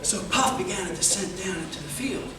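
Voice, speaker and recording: A man's voice: high-pitched, lively intonation, very echoey. Male storyteller, folksy comic tall tale, theatrical delivery; distant mic in a noisy room. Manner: theatrical, with dramatic pauses and exclamations. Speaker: contestant in a tall tales speech contest. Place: indoor room with a live audience.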